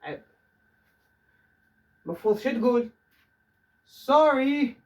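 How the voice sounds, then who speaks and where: A man with an Iraqi Arabic accent teaching an English grammar lesson in a classroom, saying the English examples slowly and carefully. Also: very high voice, lively intonation. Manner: says English example sentences slowly and deliberately. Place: classroom with a whiteboard. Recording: voice from far off the mic.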